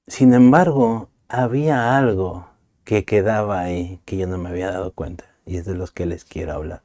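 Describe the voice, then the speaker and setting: Male preacher, low and warm, dry close sound, conversational. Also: no echo. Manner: talks directly to listeners with rhetorical asides. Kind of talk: conversational sermon. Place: church conference.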